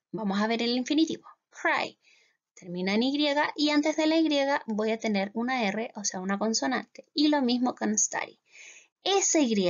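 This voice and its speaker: A woman teacher with a Chilean Spanish accent patiently explaining English grammar to her students, checking in with them again and again and saying English words slowly. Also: fairly high pitch. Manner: patient, repeats "¿cierto?" to check understanding. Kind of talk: classroom lesson explaining grammar. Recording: dull lo-fi sound.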